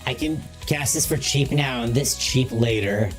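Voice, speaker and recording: A man's voice: medium pitch, unhurried, faint music behind. Man through a voice modulator. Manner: thinks aloud through each move. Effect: voice modulator filter. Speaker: streamer playing a card game. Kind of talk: casual gameplay commentary.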